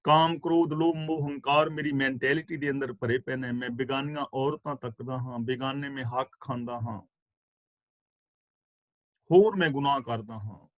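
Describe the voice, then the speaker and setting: A man giving a scripture class, reciting verses slowly and explaining their pronunciation and meaning, with fervent rhetorical questions. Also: medium pitch, fairly even intonation, no echo, dull audio. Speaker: katha preacher. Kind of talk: scripture exposition.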